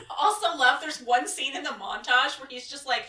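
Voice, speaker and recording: A woman's voice: sits high, normal speed, pushed and bright. A woman co-hosting a casual film-review podcast, wry and questioning, with lots of "like" fillers. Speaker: podcast co-host. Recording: roomy, distant from the mic.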